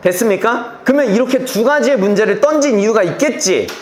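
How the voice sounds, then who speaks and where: A man's voice: high-pitched, lively intonation, brisk, a little hiss or hum. A man teaching a class, lecturing through an exam passage and checking in constantly with rhetorical questions and blunt slang. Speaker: English teacher. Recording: roomy echo with faint ambience.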